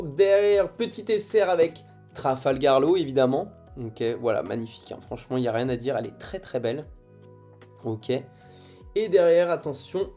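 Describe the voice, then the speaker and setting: A young man giving casual commentary as he opens trading card packs, reacting excitedly to each card as it comes. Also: fairly high pitch. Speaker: card collector opening booster packs. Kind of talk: casual pack-opening commentary.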